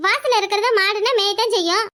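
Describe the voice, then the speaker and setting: A shrill, bickering village wife from a cartoon comedy, voiced by a woman, speaking in a southern Tamil village dialect. Her voice sits very high and bright, and she rattles off complaints at a fast clip, scolding and fussing without pause. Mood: lecturing. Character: loud squabbling village women, fussy and complaining. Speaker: voice of quarrelling village women.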